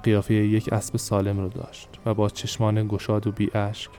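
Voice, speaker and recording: A man narrating a short story in a measured, descriptive way. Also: fairly low pitch, monotone, warm tone, soft background music.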